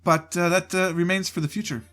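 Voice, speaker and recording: A high, fairly bright, steady voice, brisk in pace and congested from a cold, belongs to a gaming channel host with faint music behind him. He rambles loosely through a casual channel update on his home desk mic, voice only, breaking off his own sentences.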